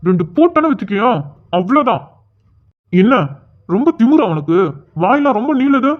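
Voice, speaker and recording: A woman's voice: fairly high pitch, animated, moderate pace. A woman voicing an arrogant, hot-tempered bullying schoolboy in a cartoon, sneering and scolding. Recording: tinny phone-like audio.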